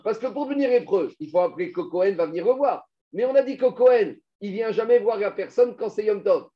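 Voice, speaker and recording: Male Talmud teacher, high mellow voice, questioning style, dull lo-fi recording. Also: animated, brisk. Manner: explains step by step, asks students questions. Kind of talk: Talmud class.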